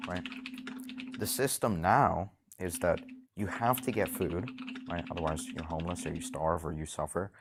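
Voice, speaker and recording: A man hosting a casual debate stream, making blunt arguments, swearing freely and often checking that the listener follows. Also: low voice. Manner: argumentative, keeps checking agreement.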